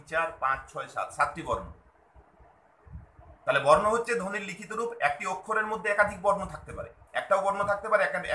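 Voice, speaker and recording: A man teaches a grammar lesson in a high, very bright, ringing voice. He explains patiently and goes back over each point slowly. The sound is echoey, as if from a bare room. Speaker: language teacher.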